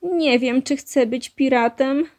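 A timid little beaver boy, unsure of himself, voiced by a woman reading a storybook. He talks hesitantly, a touch above her own pitch. The pacing is slow and careful. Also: a little mellow. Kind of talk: storybook read-aloud.

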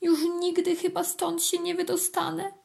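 A woman voicing a tiny, frightened female ant that pleads in a high, wistful voice. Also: unhurried, vocal fry, exaggerated voice.

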